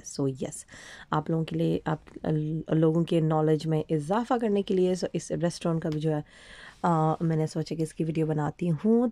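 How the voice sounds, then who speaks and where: Low-voiced Pakistani woman vlogger. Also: mellow, no room sound. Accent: Pakistani Urdu. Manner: chatty, mixes English phrases, many fillers. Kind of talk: casual voice-over narration.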